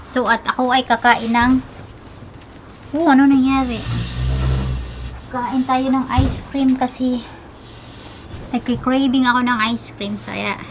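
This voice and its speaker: A woman's voice: fairly even intonation, unhurried, pauses often, background noise. Chatty woman vlogger mixing languages. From Philippines. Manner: switches to a high cooing voice for her dog. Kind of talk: casual vlog chat. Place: outdoors at home in the evening.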